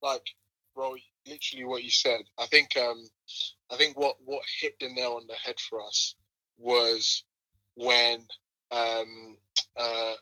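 A man's voice: medium pitch, slow pace, no echo, low-quality recording. A man in his twenties with an urban London roadman accent, telling stories casually in slangy, conversational speech as a podcast guest. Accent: London, urban multicultural roadman slang. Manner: slangy, animated retelling with quoted exchanges. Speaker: podcast guest, running group co-founder.

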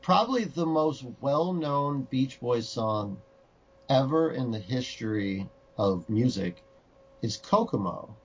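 Slow, husky man chatting on a podcast. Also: mid-range voice, lively intonation, highs cut off. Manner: halting, filler-heavy, jokey. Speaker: podcast co-host. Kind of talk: casual chat.

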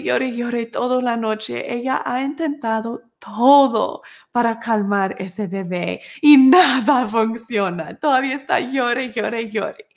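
A woman's voice: fairly high pitch, creaky. A woman teaching a class, explaining with everyday examples and repeating words for emphasis. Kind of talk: recorded class lesson.

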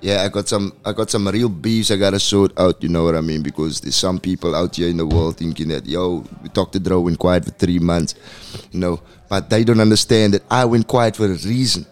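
A man's voice: deep voice, fairly even intonation, brisk. A man with a Cape Town South African accent talking casual, boastful hype in street slang mixed with Afrikaans phrases, like a rapper guest. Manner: boastful, swaggering.

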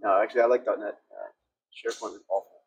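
A man's voice: on the low side, fairly even intonation, fast, husky, poor audio. A man, a developer guest, telling his background in a casual, rambling way with wry asides. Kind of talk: podcast interview.

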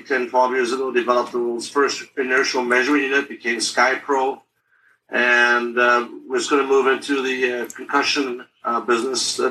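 Bright-toned Canadian man in his sixties. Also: medium pitch. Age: 60s. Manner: businesslike, many "uh" pauses. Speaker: podcast guest. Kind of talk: casual interview. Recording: distant from the mic, faint background hiss.

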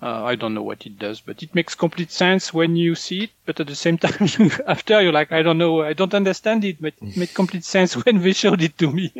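Animated storyteller, a man with a lilt. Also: on the high side, a little fast, few pauses, dry recording. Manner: animated storytelling, acts out quotes with laughter. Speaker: medical intuitive guest. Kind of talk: casual interview chat.

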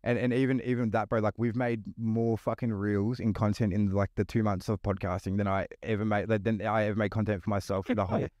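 A man's voice: on the low side, little pitch movement, quick pace, hardly any pauses, darkish tone, dry recording, studio quality. A man hosting a casual podcast interview in hyped frat-bro style, swearing and calling people "bro" constantly. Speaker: podcast host.

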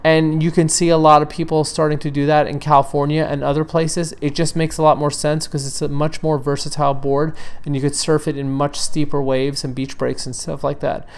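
A man hosting a show, casually introducing the interview in a relaxed, informal way. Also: fairly high pitch, brisk, clear, resonant tone. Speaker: show host.

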